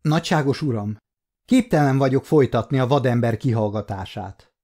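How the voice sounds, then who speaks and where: A man's voice: medium pitch, warm tone, close to an everyday voice. A man doing a timid alien interrogator. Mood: shaken. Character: timid alien male interrogator, easily shaken.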